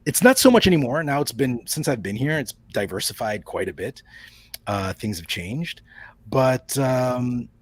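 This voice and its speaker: A man's voice: medium pitch, sing-song, normal speed, breathy edge, no room sound. A man being interviewed as a comic book creator, chatting casually and telling rambling stories. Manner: rambling storyteller with restarts and laughs.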